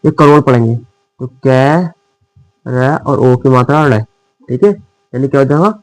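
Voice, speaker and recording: In a dry, rough recording, a man with a medium-pitched, steady voice teaches shorthand at a measured pace. Like a classroom quiz, he keeps posing questions and answering them himself, affectionately addressing students as dear children.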